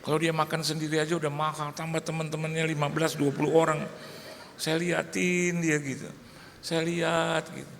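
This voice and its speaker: Animated gravelly preacher in a hall. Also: male voice, fairly high pitch, moderate pace, a little hiss or hum. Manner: storytelling, animated, acts out dialogue. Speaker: pastor. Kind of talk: sermon. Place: large church hall. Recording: echoey church hall, faint ambience.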